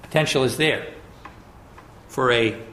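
A man's voice: mid-range voice, sharp tone, a little hiss or hum. Man lecturing in an echoey room. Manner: measured, emphatic, with frequent restarts and fillers. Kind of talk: public lecture with slides.

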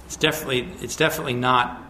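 A man giving a public lecture with slides, in a measured, emphatic way with frequent restarts and fillers. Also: medium pitch, steady tone, bright, forceful tone, echoey room, slight background noise.

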